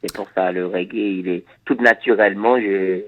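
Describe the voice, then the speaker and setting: A Surinamese reggae musician, a native Dutch speaker, answers interview questions haltingly and thoughtfully, often repeating words. His voice is low with fairly even intonation, and the sound has a phone-like quality.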